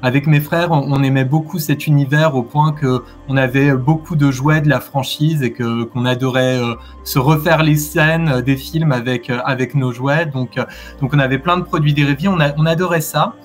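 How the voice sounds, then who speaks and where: A man's voice: mid-range voice, fairly even intonation, faint music behind. Earnest man in his thirties. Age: 30s. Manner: earnest, measured, frequent hesitations. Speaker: literature and philosophy teacher, guest author. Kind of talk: casual video interview.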